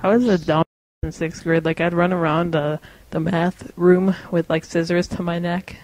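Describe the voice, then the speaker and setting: A man's voice: fairly high pitch, fairly even intonation, moderate pace, noisy background. A teenage boy hosting a casual podcast with friends, teasing and joking. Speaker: podcast host. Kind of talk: casual chat among friends.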